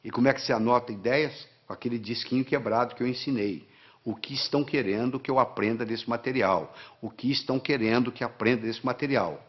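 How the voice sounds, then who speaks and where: A man explains study techniques, counting out the steps and driving key phrases home through repetition. His voice sits at a middle pitch. The recording is slightly muffled and lo-fi. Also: brisk. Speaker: guest teaching study techniques. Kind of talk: instructional talk.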